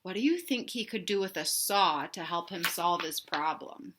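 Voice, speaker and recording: Against a noisy background, a woman with a lowish voice reads a picture book to young children at normal speed. Her animated, expressive delivery includes simple explanations and questions aimed at her little audience.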